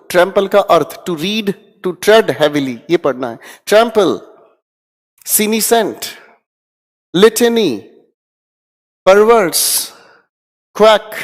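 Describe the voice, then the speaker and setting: Man, vocabulary teacher, energetic drilling, slightly high voice, long hall reverb. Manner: energetic, drills words loudly, frequent "ठीक है". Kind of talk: online exam-prep vocabulary lesson.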